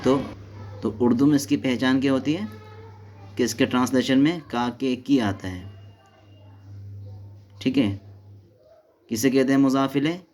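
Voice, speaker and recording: A man teaches Arabic grammar in a darkish, medium-pitched voice, breaking it down step by step and asking and answering his own questions. He moves between Hindi-Urdu, English, and Arabic terms and slowly reads English textbook notes aloud.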